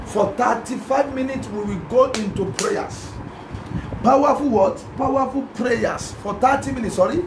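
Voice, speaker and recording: A Nigerian man preaching a sermon as pastor, fervently chanting repeated prayer lines and often breaking into shouts. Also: very high-pitched. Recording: echoey room with background noise.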